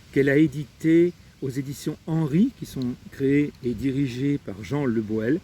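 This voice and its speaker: A man hosting a poetry reading, speaking in a measured, deliberate way and reciting verse solemnly in a park. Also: medium pitch, gravelly, mellow, a little hiss or hum. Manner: measured, deliberate, with long pauses. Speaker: poetry reader and host. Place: outdoors in a park.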